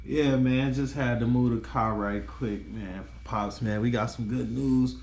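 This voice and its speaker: A man's voice: mid-range voice, fairly even intonation, a little slow. A man giving casual, slangy fight commentary, full of interjections and echoing his co-commentator. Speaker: vlog host giving fight reactions. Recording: echoey with loud background noise and clicks.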